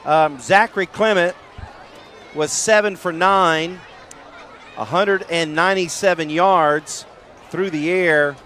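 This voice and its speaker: A male announcer giving halftime stats in a relaxed, unhurried way. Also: high-pitched, a little hiss or hum. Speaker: play-by-play announcer. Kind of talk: broadcast commentary.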